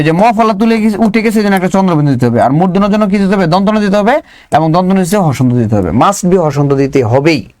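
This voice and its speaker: A man with a fairly high voice teaches a grammar lesson to his class. He keeps drilling the students, asking the same question over and over until they answer. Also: no echo.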